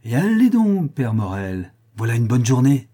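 A man's voice: medium pitch, big pitch swings, moderate pace, dark tone, slightly rough, pitched above the performer's own voice. A man doing a boisterous old concierge woman. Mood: jolly. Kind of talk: audiobook character voice.

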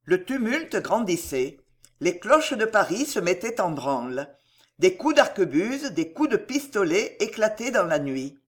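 An audiobook narrator who reads with drama and vivid colour, the pitch rising and falling widely from phrase to phrase. The voice sits at a medium pitch and carries the action of the scene. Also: big pitch swings, unhurried. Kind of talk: scripted narration of a historical adventure novel.

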